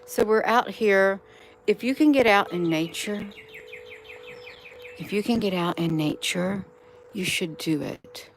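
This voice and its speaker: A woman's voice: mid-range voice, slow, long pauses. A woman hosting a casual live stream outdoors, talking to viewers in a folksy way and repeating phrases for emphasis. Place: outdoors on a porch. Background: wind chimes and birdsong.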